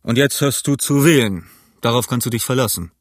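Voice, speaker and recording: A sly old pirate cook speaks in an amiable, easygoing tone that never quite hides the threat behind it, as a man reads him. The voice sits at an ordinary middle pitch. It is recorded close and dry for an audiobook. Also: moderate pace, no echo, natural voice. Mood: menacing. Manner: smooth, amiable tone masking menace. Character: cunning, genial old male pirate cook.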